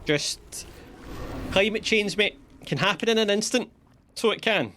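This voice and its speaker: A man's voice: sits high, a little slow, pushed and bright, a little hiss or hum. A man joking his way through a live gameplay stream with sarcastic, rambling commentary. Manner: jokey, sarcastic, talks to himself. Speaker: streamer playing a game.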